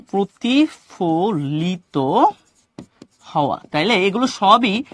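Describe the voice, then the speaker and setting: A man's voice: high-pitched, dry recording, studio quality. A man from Bangladesh with a Bangladeshi Bengali accent, teaching an English lesson in an online class. He asks the class questions, reads out students' names and mixes English phrases into his Bengali.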